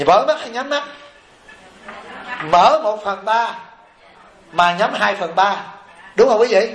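A man, a Buddhist monk, giving a lively dharma talk and keeps asking his listeners questions. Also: high voice, roomy sound. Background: audience laughter.

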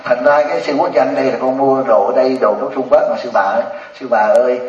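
Joking older monk, echoey and distant. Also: male voice, mid-range voice, fairly even intonation, fast talker, a little mellow. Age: 70s. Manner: joking, teasing storyteller. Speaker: Buddhist monk teacher. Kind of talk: humorous dharma talk. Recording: distant, echoey, dull lo-fi hall recording. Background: audience laughter.

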